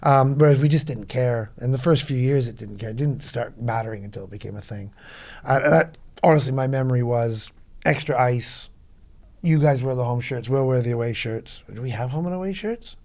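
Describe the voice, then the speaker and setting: A middle-aged man rambling through club memories in a casual podcast chat, full of quick asides. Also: medium pitch, darkish tone. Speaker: club veteran guest.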